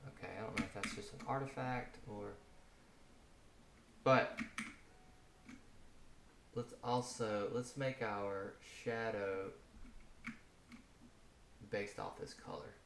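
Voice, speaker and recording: A man's voice: lowish voice, fairly even intonation, slow pace, creaky, long pauses. A man walking through a coding tutorial in a casual way, thinking aloud and correcting himself as he types. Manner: thinks aloud, self-correcting while typing. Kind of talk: casual screencast coding walkthrough. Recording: roomy home office, audible typing noise. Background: keyboard typing and mouse clicks.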